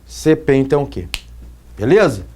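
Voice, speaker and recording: A man from Brazil teaching logic at a whiteboard, his pitch rising and falling a great deal. He explains step by step and keeps asking the students short questions to check they follow. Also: very animated, moderate pace, darkish tone, a little hiss or hum.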